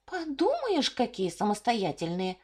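A woman voicing an old, fat, stingy female ground beetle in a storybook reading, squeaky and scolding. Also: wildly swooping pitch, a little slow, slightly rough, full character voice. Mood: mocking.

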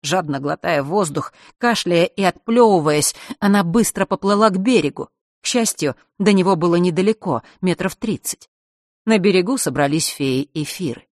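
A woman reading a fantasy story aloud as a narrator, in an even storytelling manner. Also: lowish voice, moderate pace, no echo, clean studio sound. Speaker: audiobook narrator.

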